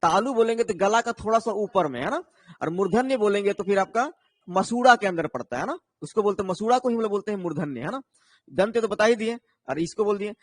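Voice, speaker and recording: A man with a high, expressive voice talks quickly in a clean, echo-free recording. He's teaching an online exam-prep lesson, explaining patiently, tagging his lines with "है ना," and answering comments from viewers as he checks in with them.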